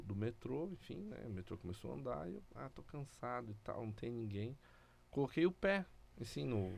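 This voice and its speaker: A man's voice: mid-range voice, gravelly, a little hiss or hum. A man, a podcast host, telling a story in casual conversation, loose and full of fillers. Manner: relaxed storyteller with fillers like "enfim", "e tal".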